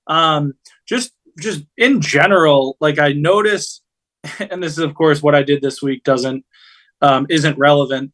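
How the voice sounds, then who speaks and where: Male co-host, fairly high-pitched, informal and slangy, rambling through casual sports stories. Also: fairly bright tone. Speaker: podcast co-host. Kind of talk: casual sports betting chat.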